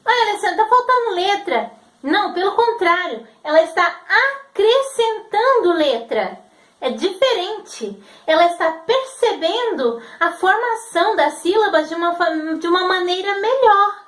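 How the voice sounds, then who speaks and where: A woman teacher with a very high voice explains a lesson with patience. She stretches out words and sounds out their syllables slowly. The room around her adds a noticeable echo. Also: animated, a bit bright. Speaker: literacy teacher. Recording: roomy echo.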